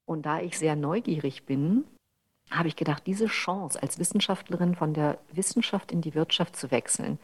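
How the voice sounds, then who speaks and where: A middle-aged woman from Berlin with a low, husky voice. She answers interview questions in long, articulate stretches, telling her story fluently. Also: normal speed. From Berlin, Germany. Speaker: interview guest, coach and author. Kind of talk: conversational interview.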